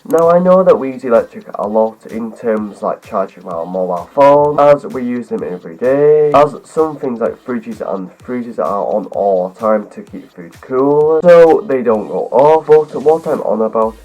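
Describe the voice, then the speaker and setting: This man's mid-range voice is deeper than usual because of a cold, yet it stays warm and expressive. As a video host reading a script to camera, he rambles through an explanation at normal speed, stringing clauses together with hardly any pauses. The recording quality is low.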